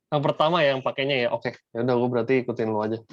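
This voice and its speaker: A man's voice: medium pitch, racing, no echo. A man tutoring math in a casual online lesson, slangy and dropping English math terms into his talk. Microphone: video call. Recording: dull lo-fi video call audio.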